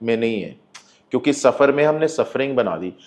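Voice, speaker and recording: A man's voice: mid-range voice, animated, brisk, a little mellow. A man, a life coach, giving earnest, emphatic advice in a podcast interview, switching between Hindi and English. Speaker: life coach and hypnotherapist guest.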